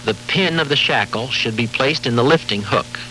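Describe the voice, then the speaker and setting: A man giving formal, measured scripted narration for a safety training film, heard from a worn VHS tape copy with faint hiss and hum. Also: mid-range voice, animated, bright, forceful tone, low-quality recording. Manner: measured, formal, authoritative delivery.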